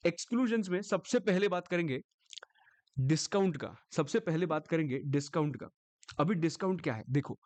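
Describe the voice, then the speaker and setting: A man in his thirties with an Indian English accent, teaching an exam revision class in mixed Hindi and English. He keeps quizzing the students and drags out key phrases slowly. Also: on the high side, a little mellow, dry recording. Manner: mixing Hindi and English in one sentence. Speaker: tax teacher.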